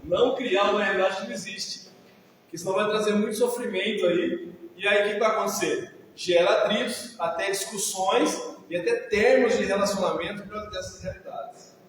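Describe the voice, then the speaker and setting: A man with a Brazilian accent gives a didactic talk on the mind. His voice sits high for a man and he keeps asking his listeners short checking questions. He is picked up from a distance in a big, very echoey hall with a long tail of reverb and faint background noise. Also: steady tone, brisk. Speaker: mental health professional. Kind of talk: lecture to an audience.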